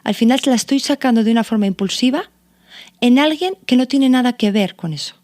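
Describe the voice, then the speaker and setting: A woman's voice: a little high, a little fast, a little mellow. A woman, a guest therapist and mother, explaining her ideas earnestly in a reflective conversation, drawing on examples from her own life. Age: adult parent. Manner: earnest, uses personal examples and self-questions. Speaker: guest logotherapist.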